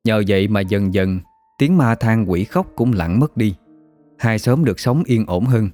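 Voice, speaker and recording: A man, narrating a ghost story in a steady, measured way. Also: lowish voice, soft background music.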